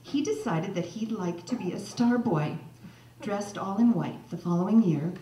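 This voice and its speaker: A woman's voice: mid-range voice, lively intonation, normal speed, mellow. A woman storyteller and mother reading a personal story aloud at a live holiday event, with wry, self-mocking humor. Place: holiday sing-along event, indoors. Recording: echoey live-room recording from a distance.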